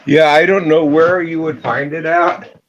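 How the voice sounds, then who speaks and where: A man's voice: on the high side, fairly even intonation, muffled recording, a little hiss or hum. A man hosting a casual live stream chat outdoors, rambling and restarting his sentences. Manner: rambling, halting with many restarts. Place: outdoors behind a building.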